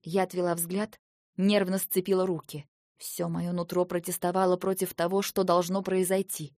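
A woman's voice: lowish voice, flat delivery, moderate pace, darkish tone, no echo, studio quality. A woman narrating a novel in the first person, reading expressively and dramatically. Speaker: audiobook narrator.

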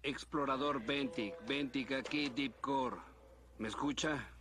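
A man's voice: mid-range voice, slow. An actor in a Latin American Spanish dub, playing a male underwater crew member who hails over marine radio with formal, repeated calls. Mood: urgent. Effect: marine radio call. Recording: radio call over loud noise.

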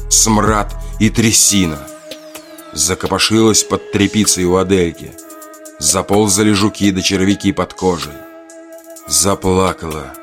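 A man narrating a horror folk tale in a grim, measured storytelling manner. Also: low-pitched.

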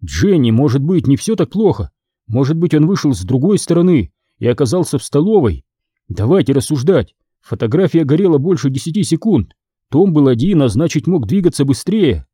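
A man's voice: fairly high pitch, big pitch swings, brisk, warm tone, slightly rough, dry recording, clean studio sound. A man voicing an anxious young man who talks the others through it. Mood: reassuring. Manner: nervous, then reassuring.

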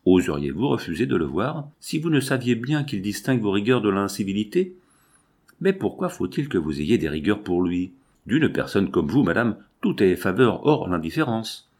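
A man's voice: lowish voice, sing-song, moderate pace, darkish tone. A man reading an anguished jealous husband. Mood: reproachful. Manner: impassioned reproachful questioning. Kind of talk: audiobook character reading.

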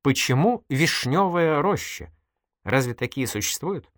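A man's voice: fairly high pitch, lively intonation, measured pace, a bit bright, dry recording, studio quality, pitched above the performer's own voice. A man voicing a mischievous, giggly young woman in an audiobook, teasing and exclamatory. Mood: playful. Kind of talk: audiobook character voice.

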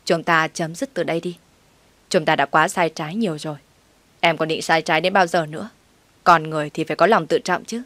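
A cold, curt young husband in a spoken story who scolds and shuts others down, read by a woman. The voice sits low and sounds close and dry. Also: fairly even intonation, a little fast, a bit bright, no room sound.

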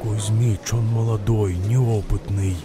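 A man's voice: on the low side, flat delivery, slow. An actor playing a thoughtful footballer who talks familiarly to his coach in a drama. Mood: conciliatory. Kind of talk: film drama dialogue. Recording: loud music and crowd behind.

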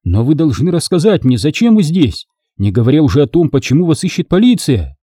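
A determined, wary young woman as a male narrator puts her on, earnest and pressing, in a raised voice with a dark, husky grain. The storybook reading is dry and close. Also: a little high, big pitch swings, a little fast, no room sound, voice pushed up.

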